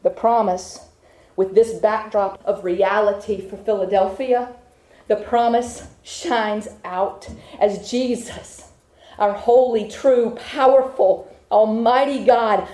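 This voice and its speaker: A woman with a somewhat high, slightly mellow voice preaches a sermon to a congregation, building her points through rhythmic repetition. The church setting gives the recording an echoey room sound.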